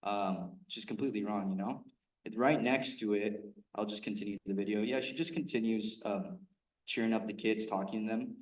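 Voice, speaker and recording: A man's voice: fairly low pitch, moderate pace. Casual man presenting in a roomy space. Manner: casual, with many fillers like "like" and "um". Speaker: presenter of a report-back. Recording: roomy, distant mic.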